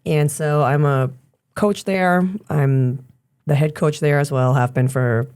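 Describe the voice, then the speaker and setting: A woman in her thirties from Germany, a gym owner chatting casually as a podcast guest, relaxed and laughing often. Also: low-pitched, takes it slowly, clear, resonant tone. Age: 30s. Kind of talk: casual interview chat.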